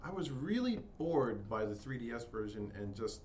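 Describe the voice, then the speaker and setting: A man's voice: mid-range voice, big pitch swings, normal speed, a little mellow, slight background noise. A man co-hosting a podcast, chatting casually and rambling with jokes. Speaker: podcast co-host. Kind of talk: casual chat.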